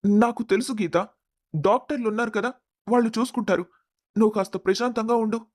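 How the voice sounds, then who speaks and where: A man voicing a caring young man in a storybook, calming a crying friend. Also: sits high, fairly quick, no echo, clean studio sound, close to an everyday voice. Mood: reassuring. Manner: calm, reassuring. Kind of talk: storybook voice acting.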